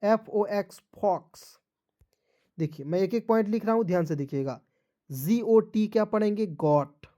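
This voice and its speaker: A man's voice: high-pitched, normal speed, mellow. A man teaching a spelling and pronunciation lesson. He spells each word letter by letter, says it aloud, and keeps asking his viewers how to read it. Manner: spells words letter by letter and drills them; keeps asking viewers questions, calls them friends.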